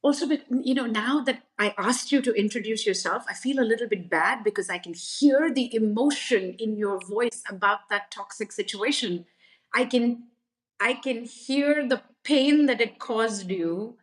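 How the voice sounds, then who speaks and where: A middle-aged woman from India hosts a reflective podcast. She talks in an earnest, measured way and lists her points in short phrases. Her voice carries a roomy echo. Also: fairly high pitch. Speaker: podcast host.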